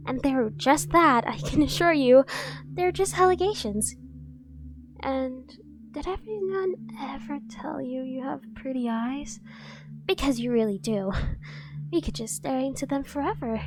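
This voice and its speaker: In an ASMR roleplay, a woman with a high voice plays a dorky yandere bodyguard who is obsessively devoted, sounding cutesy, gushing and insistent.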